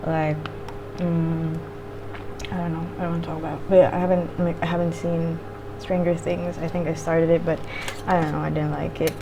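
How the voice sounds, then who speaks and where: A woman with a slightly low voice talks informally while eating, drifting from thought to thought in a casual mukbang style. She swears casually now and then, and there is clear noise behind her. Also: level tone, normal speed. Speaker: vlogger eating on camera while reviewing a show. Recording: clearly audible background noise.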